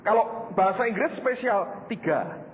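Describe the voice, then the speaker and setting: An older male pastor preaches in a high, lively voice that jumps all over its range, joking with the congregation as he goes. The sound comes through a thin, phone-like channel, with long reverb from a large hall and a faint hiss underneath. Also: normal speed. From Indonesia. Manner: storytelling, joking, addresses the congregation as "saudara". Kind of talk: sermon.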